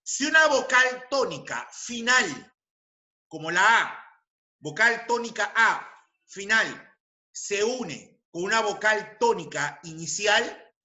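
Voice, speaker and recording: A man with a Peruvian Spanish accent giving a grammar lecture, speaking deliberately, repeating key terms and checking that students follow. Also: high voice, lively intonation, pushed and bright. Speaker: teacher.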